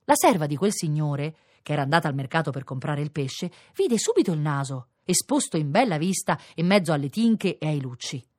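A woman reading a children's fairy tale for radio, with playful, expressive narration. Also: deep voice, fairly quick, hardly any pauses, no echo, clean studio sound. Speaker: reader.

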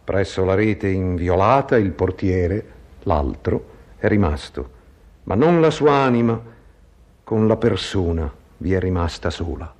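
A man giving a dramatic poetry recitation in measured, declamatory phrases. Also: low voice, expressive, a little mellow.

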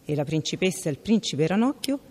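A woman reading a fairy tale aloud as a storyteller, lively and expressive, in a reverberant room. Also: lowish voice, brisk.

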